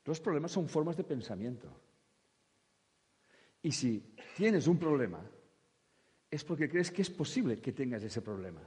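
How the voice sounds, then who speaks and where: A man's voice: a little high, normal speed, long pauses, long reverb tail. A man giving a humorous spiritual talk to an audience, acting out quoted voices with crude jokes. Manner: lively, acts out quoted voices, jokey and crude. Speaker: spiritual speaker.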